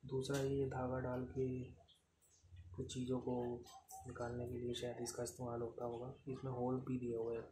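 In a noisy, echoey room with a tiled floor, a man reviews camping gear in a casual, off-the-cuff unboxing demo. He counts items out loud and keeps dropping "theek hai" (ठीक है) into pauses, speaking in a mid-range, monotone, dark-toned voice.

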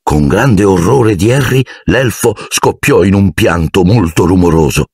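A male audiobook narrator who tells the story with expressive, dramatic flair. His low voice has a gravelly, husky texture, and his pitch moves a lot. The sound is close and dry. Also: a little slow, no echo.

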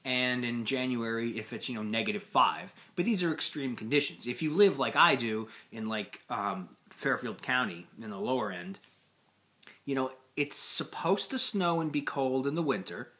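A man's voice: medium pitch, animated, normal speed, bright, forceful tone. A young American man delivering an exasperated, conversational stand-up style rant, recorded in a small room at about arm's length from the device. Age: young adult. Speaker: amateur comedian. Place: small plain indoor room.

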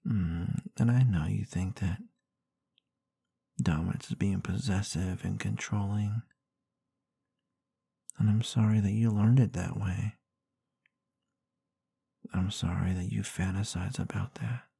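An ASMR role-play with a man acting as a gently dominant, protective boyfriend at bedtime. His low, husky voice crackles with fry as he murmurs tender reassurance. It is breathy and intimate, right up close in a very dry space. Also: fairly even intonation, slow pace, long pauses, no echo, heavily acted. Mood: protective, reassuring. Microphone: close microphone in a dry space.

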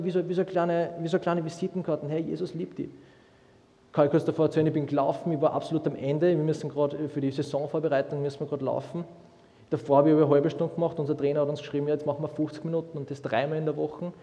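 A young man preaching a sermon, lively and humorous, with many restarts as he tells stories. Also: on the high side. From Austria. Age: young adult. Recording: long hall reverb.

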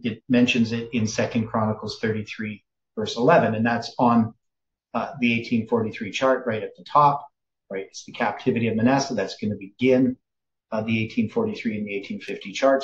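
A man's voice: fairly low pitch, fairly quick, lo-fi sound. Hesitant middle-aged man teaching, roomy sound. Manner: conversational, hesitant, many fillers and restarts. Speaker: Bible teacher. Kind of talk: teaching sermon with screen share.

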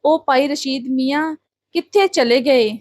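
A grieving village father pleads through tears for help. A woman reads him in her own high voice. The sound is close and dry. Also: unhurried, a little mellow, no echo. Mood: pleading. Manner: begging, tearful appeals.

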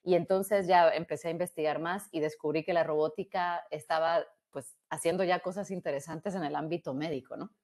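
On a video call from a small room, heard through an earbud headset, a woman in her thirties with a Guatemalan Spanish accent casually shares her career story. She's relaxed and reflective, restarting words and using tag questions. Her deep voice moves fairly quickly with few pauses.

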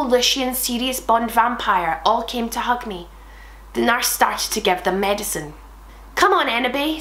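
A woman's voice: mid-range voice, fairly bright tone, echoey room. A woman reading bad fanfiction aloud for comedy, sarcastic asides, laughing and swearing at the text.

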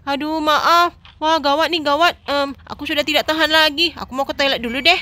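A woman's voice: sits high, steady tone, a little fast, background noise, close to an everyday voice. A woman voicing a cheeky, lazy young man in a game role-play, whiny and full of excuses.

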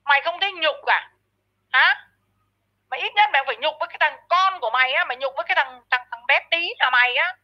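A woman's voice: high-pitched, fast talker. A woman delivering a ranting commentary, scolding harshly and insultingly and often stuttering over repeated words. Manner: frequent stammered repeats. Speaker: online commentator. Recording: dull lo-fi audio.

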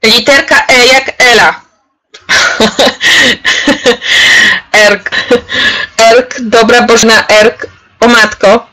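A woman runs a live online workshop in a bright, forceful voice that sits fairly high. She talks slowly and deliberately, cheering participants on by name as she demonstrates. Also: steady tone, low-quality recording. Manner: chatty and encouraging, addresses participants by name. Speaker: trainer leading a webinar for teachers.

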